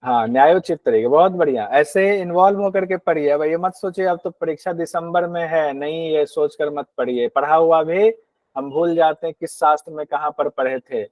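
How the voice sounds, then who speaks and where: A man's voice: a little high, moderate pace, a little mellow, no echo. A man teaching a Hindi lecture on scripture, explaining verses and asking and answering his own questions. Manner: acts out rude and grudging hosts in quoted asides.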